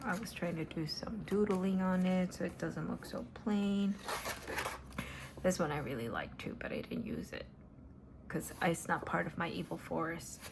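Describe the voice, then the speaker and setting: A sleepy woman chatting casually and softly while crafting at her table, often half-whispering and yawning. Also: on the low side, animated, moderate pace, creaky, noisy background. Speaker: mixed media art vlogger.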